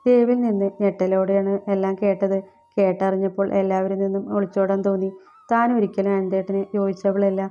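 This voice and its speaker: A woman narrating a romantic audiobook story in a steady, even reading. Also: medium pitch. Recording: slightly dull, music underneath. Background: soft background music.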